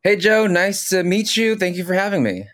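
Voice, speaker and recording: A Broadway performer from the Philippines, a native Tagalog speaker, is a guest on an interview podcast, chatting in a friendly way with lots of restarts. His voice is high, animated, and a bit bright at a normal speed. The studio-quality recording has no room sound.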